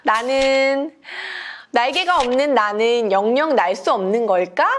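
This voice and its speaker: A young giraffe from a picture book, eager and hopeful, as a woman reads it out. The voice springs high on excited cries and swoops in lively arcs. It keeps a bright storybook feel throughout. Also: unhurried, a little hiss or hum.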